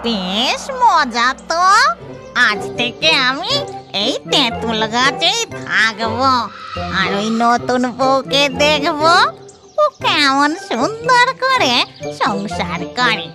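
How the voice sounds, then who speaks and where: A woman voicing a mischievous, envious female ghost who lives in a tree, drawling slowly and slyly in a cartoon. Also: high-pitched, sing-song, heavily acted. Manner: slow, drawling and sly. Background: music.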